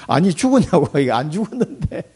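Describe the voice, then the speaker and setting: A man preaching a Sunday sermon in a church, talking in an everyday way rather than reading. His voice sits a little high and leaps around widely in pitch, and he acts out quoted voices and chuckles between points. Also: normal speed, slightly rough. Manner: animated, colloquial preaching with acted-out quotes and chuckles. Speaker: pastor. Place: church sanctuary.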